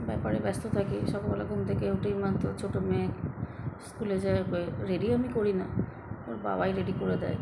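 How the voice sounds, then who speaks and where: A middle-aged woman vlogging casually at home, speaking softly and slowly in a calm way. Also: medium pitch, vocal fry. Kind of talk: casual personal vlog talk. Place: room at home. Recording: echoey room with loud background noise.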